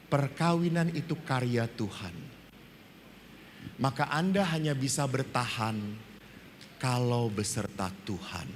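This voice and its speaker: Male priest, Indonesian accent, storytelling sermon; raised pitch, faint room ambience. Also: slight background noise. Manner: animated storytelling, acts out dialogue. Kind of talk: lively sermon with humor. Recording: reverberant hall, faint ambience.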